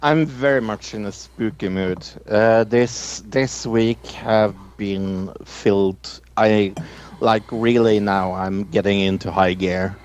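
A man co-hosting a casual podcast, talking with many fillers and pauses. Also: on the low side, steady tone, darkish tone. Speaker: podcast co-host. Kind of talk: casual chat. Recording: dull lo-fi sound.

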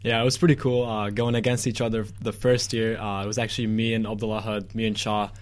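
A man's voice: lowish voice, level tone, fast talker. A twenty-one-year-old man from the Chicago area, a student guest on a radio show, answering in an easygoing way with "like" and "I guess". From Chicago area, USA. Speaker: university student and a cappella singer, interview guest. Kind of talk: casual interview answers.

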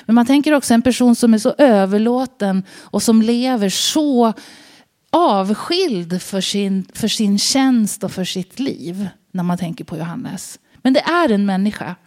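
A woman's voice: mid-range voice, expressive, a little mellow. Woman giving a bible talk, chatty, lots of questions to the room, keeps restarting her sentences. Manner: conversational, rhetorical questions, frequent restarts. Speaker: preacher. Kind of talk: sermon-style Bible teaching.

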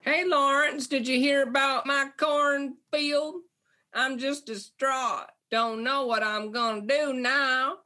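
A woman's voice: sits high, fairly even intonation, takes it slowly, bright, forceful tone, full character voice. A woman voicing an indignant male farmer with a folksy rural drawl and country slang. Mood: aggrieved. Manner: indignant, grumbling complaints. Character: folksy male farmer, feuding, easily riled. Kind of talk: comedy sketch acting.

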